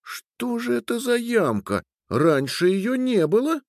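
A nosy, stubborn peasant wife, as a man puts her on, pitched well above his usual voice. She presses with insistent, prying questions, and her tone swings up and down in a lively way. The recording is dry and close. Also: slow pace, dry recording, heavily acted.

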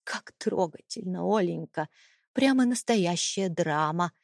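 Brief: woman playing a contemptuous, controlling husband, low and cold, dry close read. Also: moderate pace, a little mellow, no room sound, natural voice. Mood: cold menace. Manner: mocking, icy, menacing. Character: cold, contemptuous, domineering husband, adult man. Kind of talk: audiobook character reading.

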